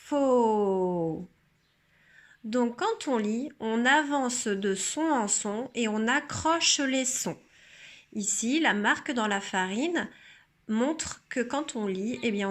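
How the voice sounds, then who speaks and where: A woman teacher walks through a reading exercise step by step. She talks slowly and deliberately, stretching out each sound so a child can follow. Her voice sits a little high. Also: a bit bright. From France. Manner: slow, careful explaining with sounds drawn out. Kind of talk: instructional demonstration.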